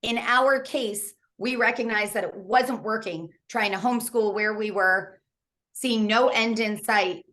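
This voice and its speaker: A woman's voice: medium pitch, measured pace, fairly bright tone. Guest, woman, 40s: candid, laugh-prone storyteller, casual interview over a video call. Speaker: author and coach guest.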